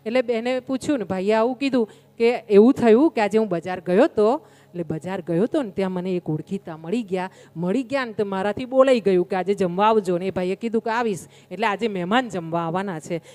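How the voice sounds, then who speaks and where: A woman's voice: medium pitch, brisk, dark tone. Woman, religious storyteller, humorous, conversational, addresses listeners directly. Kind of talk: devotional story sermon.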